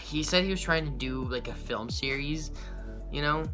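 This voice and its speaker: A man giving a rambling, excitable life update to his viewers as a small YouTuber, full of fillers and quick laughs. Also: a little high, over music. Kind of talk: casual chat to camera.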